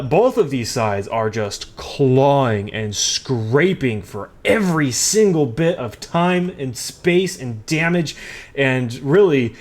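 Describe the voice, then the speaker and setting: A man giving esports color commentary, chatty and laughing when he trips over names. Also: medium pitch. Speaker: esports co-caster.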